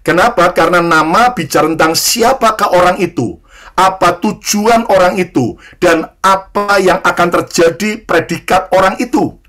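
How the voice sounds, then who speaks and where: A man's voice: sits high, moderate pace, a bit bright. A male pastor, preaching a sermon, leading his congregation in repeated call-and-response lines and joking lightly with them. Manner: jokes lightly and addresses listeners as brothers and sisters.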